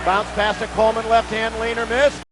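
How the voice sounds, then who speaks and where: A man announcing a college basketball game play-by-play, calling the action in rapid, clipped bursts. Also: high voice, completely flat delivery, noisy background. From Midwest US.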